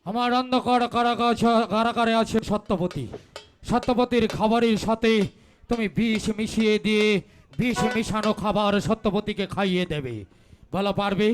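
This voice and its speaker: A man's voice: sits high, fairly even intonation, normal speed, lightly acted. An actor playing a vengeful, menacing king in declamatory Bengali jatra folk theatre, imperious and commanding. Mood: scheming command.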